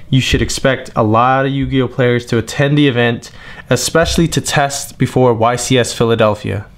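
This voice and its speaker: A young man from New England gives a frustrated monologue, complaining at length and then reading out a list of cards in a flat voice. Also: medium pitch. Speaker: card game vlogger. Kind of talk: monologue rant and tournament report.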